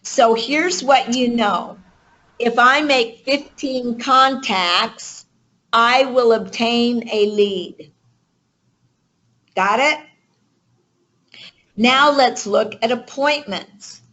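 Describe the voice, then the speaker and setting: Over a conference call line, a woman coaches a group with motivational energy, pressing her points hard and checking in through rhetorical questions. Her voice is fairly high and fairly bright, and she talks extremely slowly with long pauses. The sound is lo-fi.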